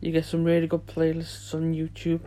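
A man hosts a solo podcast, chatting casually in an informal, halting, unpolished way. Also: a little high, monotone, dark tone, slight background noise. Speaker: podcast host.

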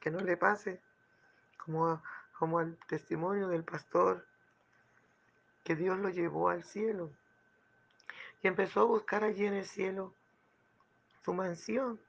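Gravelly high-voiced preacher. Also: male voice, fairly even intonation, takes it slowly, long pauses, lo-fi sound. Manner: fervent, with hushed asides and loud exclamations. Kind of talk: sermon with a retold parable.

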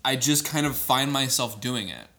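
A man in casual podcast chat with a co-host, rambling through fillers and quick laughs. His voice is bright and forward, at a middle pitch.

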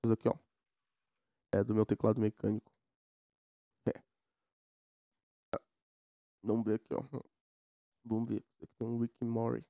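Speaking at a moderate pace with a fairly low pitch and a completely flat, dark delivery, this man pauses often. He's a São Paulo native in his 20s hosting a casual solo podcast, rambling in slang across topics. His home setup includes a mechanical keyboard, and he records through a sound card.

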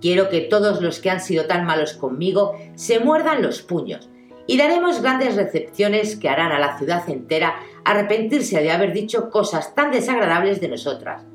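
A headstrong, resentful young wife insists on her way in an audiobook, voiced by a woman reader. Her lowish voice rises and falls widely. Soft music plays in an echoey room. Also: sing-song, moderate pace. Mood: obstinate. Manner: obstinate, insistent. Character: stubborn, proud young wife, resentful and willful.

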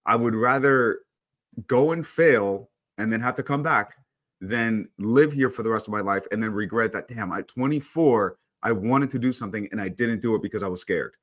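Low-voiced man in his thirties, chatty. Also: normal speed. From El Salvador. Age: 30s. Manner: chatty, storytelling, relaxed. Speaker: photographer guest. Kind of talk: casual interview talk.

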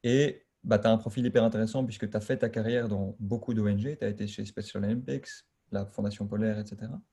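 A man hosting a podcast, introducing the episode and questioning his guest in a brisk, informal way. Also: lowish voice, steady tone, mellow, husky. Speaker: podcast host.

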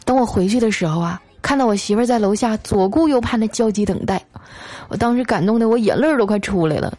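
A woman's voice: mid-range voice, fast talker, mellow, dry recording. Lady hosting a comedy show, teasing and playful, bit of music under her. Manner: playful, teasing, acts out characters' lines. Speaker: host of a comedy talk show. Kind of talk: scripted comedic storytelling.

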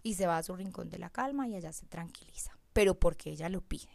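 A woman, a mother talking calmly and candidly to viewers in a casual monologue about handling her emotions. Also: lowish voice, fast, vocal fry. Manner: calm, candid, reflective. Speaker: mother sharing parenting advice.

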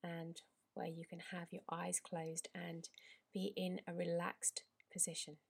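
Woman yoga teacher for guided relaxation; slightly low, breathy tone, very slow, soothing delivery with whispered lines. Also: monotone.

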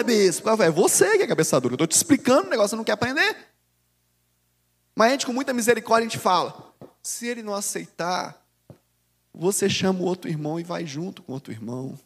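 Animated Brazilian preacher, high voice. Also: male voice, slightly rough, long reverb tail. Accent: Brazilian Portuguese. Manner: animated and conversational, often calls listeners "dear". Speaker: bishop and preacher. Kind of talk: sermon.

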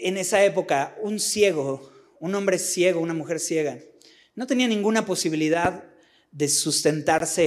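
A man giving a conversational Bible teaching, informal and full of rhetorical questions. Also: sits high. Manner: informal, asks rhetorical questions, many fillers.

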